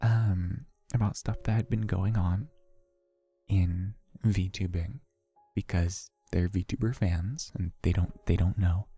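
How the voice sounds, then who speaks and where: A young man talks casually to his livestream chat in an unhurried, low voice. His tone is dark and mellow, and he rambles through a story at an easy pace. Faint background music plays under him. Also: fairly even intonation, slightly rough, dry recording. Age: young adult. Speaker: VTuber streamer.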